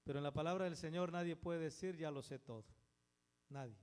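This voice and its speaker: Male church leader, fairly high voice, conversational preacher who repeats phrases and quizzes the congregation. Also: brisk. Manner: conversational, repeats himself, puts questions to listeners. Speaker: church leader introducing the teacher. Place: live in a church meeting.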